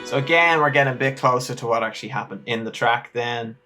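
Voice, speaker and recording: A young Irish man talking casually about his own song, relaxed and chatty with plenty of ums and likes. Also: mid-range voice, fast talker, over loud music. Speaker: musician. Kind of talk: casual music breakdown talk.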